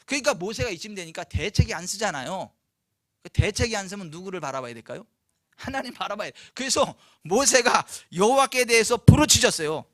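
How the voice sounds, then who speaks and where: A man's voice: high voice, big pitch swings, fairly quick, no room sound, clean studio sound. A male pastor preaching a sermon at a church service, emphatic and full of rhetorical questions. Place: church, Friday night service.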